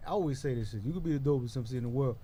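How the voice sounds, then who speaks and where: A man's voice: medium pitch, very fast, mellow, slight background noise. A man hosting a radio interview, talking with slangy enthusiasm. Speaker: radio host. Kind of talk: casual interview.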